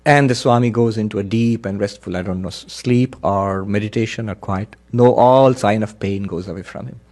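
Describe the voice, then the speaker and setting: A man, a monk, giving an earnest spiritual discourse, telling parables in an unhurried, emphatic way. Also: on the low side, a little mellow.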